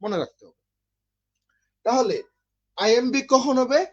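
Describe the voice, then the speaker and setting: A man's voice: very high voice, lively intonation, slow, highs cut off. A man from Bangladesh teaching an online literature class, explaining step by step and often checking with his students.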